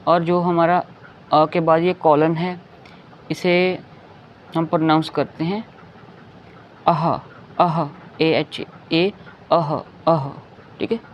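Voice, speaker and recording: This slightly high male voice has fairly even intonation, a slow pace, and frequent pauses. He is a Hindi teacher giving a slow explanatory lesson, patiently repeating each sound and often checking that listeners follow. The recording is dull and lo-fi, with faint background noise.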